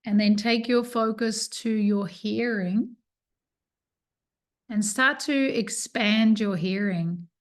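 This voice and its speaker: Her voice sits at a medium pitch as she teaches yoga nidra. She walks the listener through a guided relaxation, giving soothing directions at a slow pace with pauses between them.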